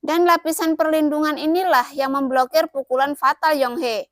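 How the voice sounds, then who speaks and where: Female audio-novel narrator; steady reading, high register, dry recording. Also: normal speed, no room sound.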